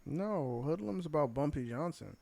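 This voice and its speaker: A man's voice: fairly high pitch, animated, normal speed, vocal fry, mellow. A man with a Boston accent co-hosting a podcast, laid-back and answering briefly in casual chat. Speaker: podcast co-host.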